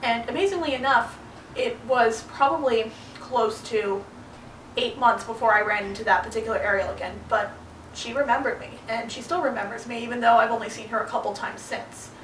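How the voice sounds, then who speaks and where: A woman's voice: fairly high pitch, a bit bright, distant mic, slight background noise. A young woman tells a personal story, speaking earnestly and stopping often to find her words. She sits some way back from the mic, and the room echoes around her voice. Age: young adult. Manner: earnest, halting, with fillers. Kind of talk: personal monologue.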